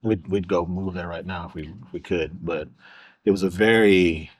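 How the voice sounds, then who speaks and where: Speaking at normal speed in a low voice with fairly even intonation, this middle-aged man from Oklahoma rambles through casual stories as a podcast guest. There's no echo, and he leans heavily on fillers like "uh" and "you know."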